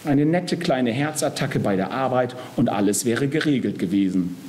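A man's voice: mid-range voice, lively intonation, moderate pace, a little mellow, voice pushed up, natural voice. A man voicing Death as a cold, menacing old man who hisses his threats in a storybook reading. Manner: hissing, threatening, sneering.

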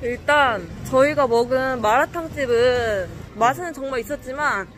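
Young female vlogger, high voice, muffled behind a face mask, cheerful and chatty, noisy city street behind her. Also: moderate pace. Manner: chatty, upbeat, laughs easily. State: speaking through face mask. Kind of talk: casual vlog chat.

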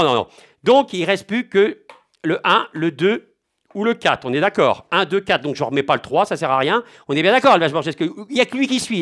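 Guy hamming it up like a game show host, high voice, swears a lot, drags out the suspense. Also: fairly bright tone. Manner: theatrical, joking, swears freely; repeats words for suspense. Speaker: online sailing game league host. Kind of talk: mock game-show council commentary.

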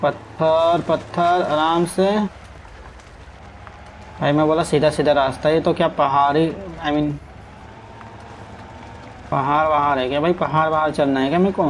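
A man talks his way through a driving game in a loose, chatty flow, urging his truck along and talking to viewers. His voice sits a little high. Faint game sounds hum underneath. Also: steady tone, moderate pace, long pauses, rough recording. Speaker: gaming streamer. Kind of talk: casual gameplay commentary.

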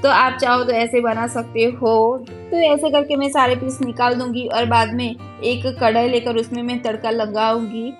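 A woman's voice: fairly high pitch, fairly even intonation, moderate pace, few pauses. A young woman, chatting her way through a home cooking voice-over and explaining each step with lots of tag fillers. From India. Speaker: home cooking vlogger and mother. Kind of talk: casual voice-over cooking narration. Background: faint background music.

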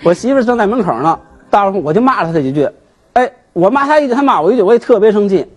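A man, a guest telling his grievance on a TV talk show in an animated, aggrieved way. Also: sits high, rapid-fire. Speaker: guest, husband seeking divorce. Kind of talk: emotional storytelling on a TV talk show.

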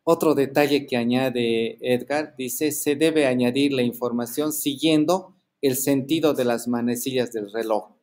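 Male teacher on a video call, mid-pitched, explanatory, leans on tag questions. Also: unhurried, a little mellow. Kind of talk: online class lecture.

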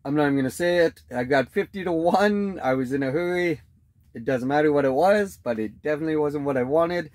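A man's voice: a little high, darkish tone, dry recording, poor audio. Chatty man vlogging from an ice tent. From Canada. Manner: rambling, chatty, with frequent fillers and laughs. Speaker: fishing vlogger. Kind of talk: casual vlog talk to camera. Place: inside an ice fishing tent. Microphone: phone camera at arm's length.

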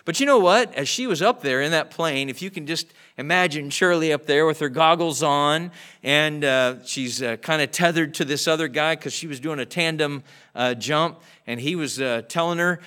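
Male pastor, earnest sermon delivery, slightly high-pitched, church sanctuary live stream. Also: moderate pace, sharp tone. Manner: earnest preaching, acts out quoted voices.

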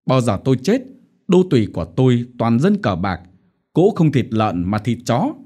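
A man's voice: mid-range voice, sing-song, moderate pace, mellow. A man voicing an older male village gambler who banters and wails, read in an audiobook. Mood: joking.

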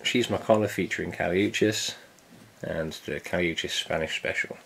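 A man with a low, deep voice and a gravelly, fry-heavy edge talks through an unboxing in a relaxed, offhand way. He cracks small jokes and drops the odd swear word as he goes. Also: brisk, background noise. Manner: laid-back, jokey, swears casually. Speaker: vinyl collector vlogger. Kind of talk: casual unboxing chat.

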